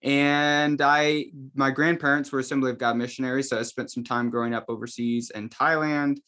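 On a relaxed video call, a young man from Washington's Seattle area appears as a podcast guest, making self-deprecating jokes. He studies at a seminary, and his medium-pitched voice stays steady at a moderate pace with a pushed, bright sound.

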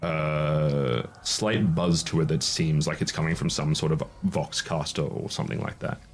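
A man improvising tabletop game narration as game master, halting as he thinks aloud. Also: rumbling low, steady tone.

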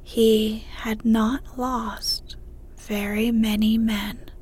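Woman whispering a bedtime-style story super slow, breathy and soft. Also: on the high side, flat delivery. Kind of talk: whispered ASMR story reading.

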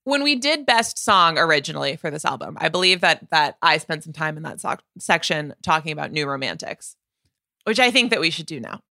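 Bright-voiced chatty woman podcast host. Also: deep voice, fairly quick, gravelly, no echo. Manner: animated, chatty, with many restarts and fillers. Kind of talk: casual music discussion.

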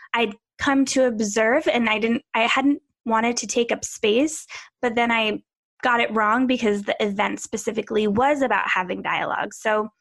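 A woman guest from Pennsylvania speaking in a slightly raised voice. She talks through her story in a relaxed interview, thoughtful and pausing with small hesitations. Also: on the high side, gravelly. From Pennsylvania, USA. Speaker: podcast guest, co-founder. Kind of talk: casual interview conversation.

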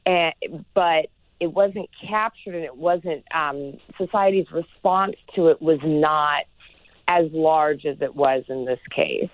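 Guest expert, woman, neuroscience professor, earnest and measured, lowish voice, narrow phone-line sound. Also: dry recording. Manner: earnest, measured, many "you know" fillers. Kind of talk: interview answers.

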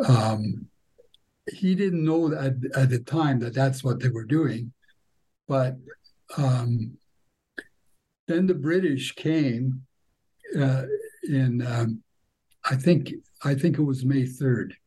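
An older man with a husky voice, recounting history haltingly, often repeating words as he searches for the next one. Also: mid-range voice, mellow, low-quality recording. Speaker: interviewee telling family war history. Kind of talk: spoken historical recollection.

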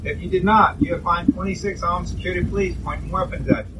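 Man, tour guide, fairly high voice, informal explaining, distant mic, clear vehicle noise. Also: steady tone, quick pace.

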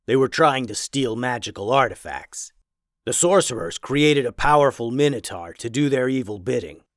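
A man voicing a towering, bookish male werewolf librarian who lectures in a measured way. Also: medium pitch, expressive, no room sound, clean studio sound, lightly acted. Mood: lecturing.

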